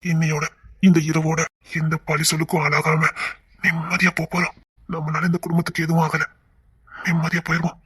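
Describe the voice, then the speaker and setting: A man voicing Kingston, a husky tender husband. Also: fairly high pitch, monotone, a little fast, heavily acted. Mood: sad, soothing. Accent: Kanyakumari Tamil. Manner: soft, tender, often hushed. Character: gentle young husband and father, Kingston. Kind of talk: cartoon web series voice acting.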